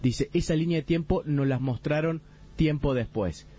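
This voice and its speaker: A man giving a live radio report from a court trial, laying out the events in steady detail with frequent restarts. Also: a little high, normal speed, husky. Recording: muffled radio audio.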